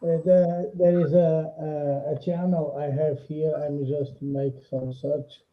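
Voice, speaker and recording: Man on a video call: slow, halting, searching for words; muffled line. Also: on the high side, little pitch movement. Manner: halting, searching for words in non-native English. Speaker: guest on a livestream. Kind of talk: casual chat. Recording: dull lo-fi call audio.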